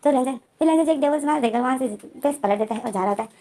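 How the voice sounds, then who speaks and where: Speaking very fast in a high, warm voice, a woman from India gives a relaxed retelling of a romance plot, delivering the characters' dialogue in her own voice as she goes.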